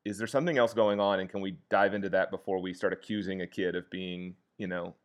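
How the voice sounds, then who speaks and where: A man who teaches history is a guest on a podcast, talking in a casual interview. His deep, soothing voice moves fast with fairly even intonation. He comes across as earnest and reflective, with many restarts and fillers.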